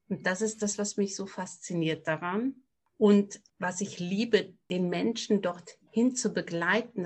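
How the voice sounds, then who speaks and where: A middle-aged woman from near Cologne, Germany, with a slight Rhineland accent, appears as a podcast guest. She is a voice coach and opera singer, speaking at mid pitch in an earnest, reflective way and talking about voice work with conviction in this interview.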